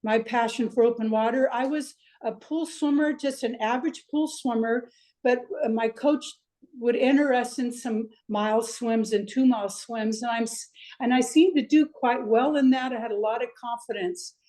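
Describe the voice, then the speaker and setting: A woman's voice: on the high side, steady tone, normal speed, dark tone. An older woman from Iceland, a swim coach, talking reflectively in a chatty way with lots of fillers during an interview. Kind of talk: interview over video call.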